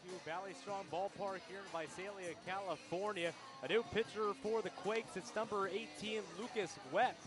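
A man's voice: high voice, steady tone, moderate pace, hardly any pauses, over music. A man doing live baseball play-by-play commentary for a radio broadcast. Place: ballpark broadcast booth.

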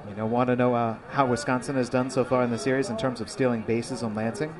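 A man's voice: mid-range voice, level tone, quick pace. A man calling baseball play-by-play live in clipped phrases from a ballpark. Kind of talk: live sports commentary. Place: outdoor ballpark broadcast position. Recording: live ballpark crowd behind.

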